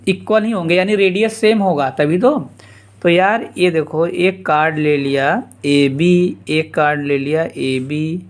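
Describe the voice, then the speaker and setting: A man teaching a geometry proof step by step, casually repeating each step and calling the listeners "yaar". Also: a little high. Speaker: math teacher. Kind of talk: blackboard geometry lesson.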